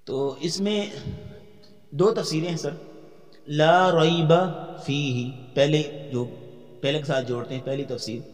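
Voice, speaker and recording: A man giving a tafsir lecture as a Quran teacher, explaining step by step, putting questions to the class and chanting verses slowly. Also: mid-range voice, a little mellow, big-room sound, soft background music.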